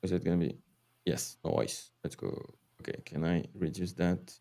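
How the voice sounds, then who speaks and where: Livestream host, French-accented man, lowish voice, rambling and casual. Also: moderate pace, gravelly, warm tone. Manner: rambling, filler-heavy, swears, laughs often.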